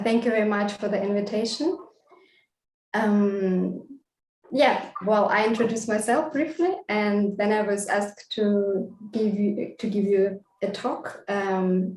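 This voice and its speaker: This guest speaker, a street photographer who grew up between Russia and Vietnam, gives a reflective festival talk full of hesitant fillers. She has a mid-range voice with a darkish tone, recorded on a distant mic in an echoing room.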